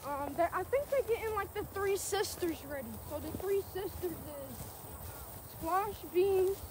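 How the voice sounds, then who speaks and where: A woman's voice: very high voice, expressive, unhurried. A teenage girl with a Kentucky accent giving a casual guided tour of a farm field, chatty and loose with many ums as she walks and points. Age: teen. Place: outdoors on an open urban farm field. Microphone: camera held by a person following a few feet behind. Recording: outdoor field noise on a handheld camera.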